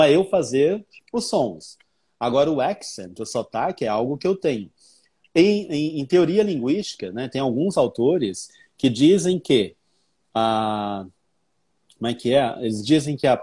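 Mellow-voiced man explaining like a teacher. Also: medium pitch, husky. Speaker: English teacher, guest. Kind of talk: explanatory conversation.

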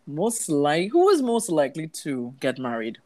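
A young woman from Trinidad with a Trinidadian accent, co-hosting a casual podcast chat, laughing often and chiming in with quick agreement. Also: low voice, wildly swooping pitch, darkish tone. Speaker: podcast co-host.

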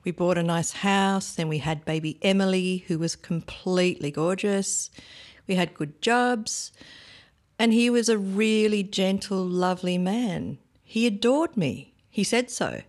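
A woman reading a scripted first-person story in a measured, reflective way. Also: medium pitch. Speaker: narrator.

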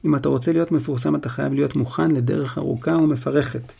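A man's voice: medium pitch, fairly even intonation, creaky, mellow, breathy edge. A man voicing a vain fraudulent male wizard teacher, smug and self-justifying, in a storybook reading.

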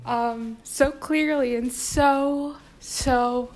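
A woman's voice: sits high, fairly even intonation, drawn-out words, darkish tone. A woman hosting her own podcast at home, chatting casually in a playful, giggly, self-mocking way while walking around the house. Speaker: podcast host. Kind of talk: casual solo podcast chat.

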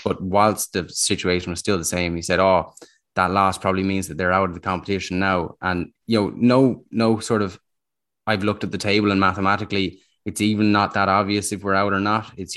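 A man with an Irish accent and a very low-pitched voice. He talks casually as a podcast panellist, giving opinions in a grumbling, unfiltered way. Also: fairly bright tone. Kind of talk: casual chat.

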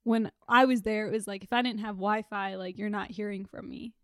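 A woman's voice: mid-range voice, fairly even intonation, brisk, smooth, dry recording, studio quality. A young woman in her twenties chatting casually as co-host, telling a personal story with many fillers. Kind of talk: casual chat.

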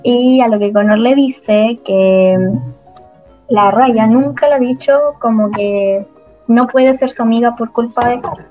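A young woman with a Chilean accent recounts a story in relaxed, halting chat. Her voice is warm and mellow and sits a little high. The recording is slightly muffled, with soft music faint behind. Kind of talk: casual chat, retelling a story.

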